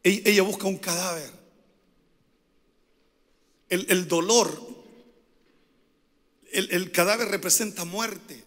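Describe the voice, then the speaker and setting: A Chilean-accented male pastor delivers a sermon in a high, bright, forceful voice. He repeats key phrases and has the congregation say lines back to him. His voice rings with the long reverb of a church hall. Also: fairly even intonation, takes it slowly, pauses often. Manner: preaching with repeated phrases and call-and-response.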